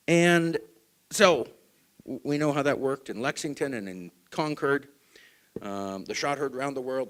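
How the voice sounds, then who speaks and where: A man from Utah giving a public talk to an audience, asking them questions and swinging between loud stresses and hushed asides. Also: fairly low pitch. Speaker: speaker at a group meeting.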